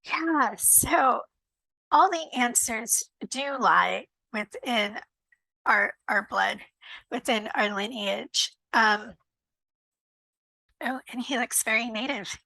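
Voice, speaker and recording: A woman giving a casual tarot card reading, speaking in a searching way with frequent pauses and restarts. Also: a little high, vocal fry, sharp tone, no room sound, poor audio. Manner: slow and searching, many ums and restarts. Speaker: tarot reader.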